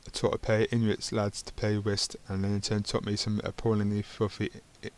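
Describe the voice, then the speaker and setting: A man's voice: lowish voice, monotone, fairly quick, a little mellow. A man reading a narrative game's text aloud, stumbling over words and adding dry asides of his own. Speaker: gaming channel host.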